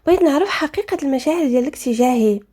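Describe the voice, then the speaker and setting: A devoted young husband in a spoken storybook, Moroccan-accented and tender, voiced by a woman reader. He speaks softly and reassures his frightened wife, in a high, mellow voice. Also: lively intonation, very fast. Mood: earnest. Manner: soft, tender, pleading.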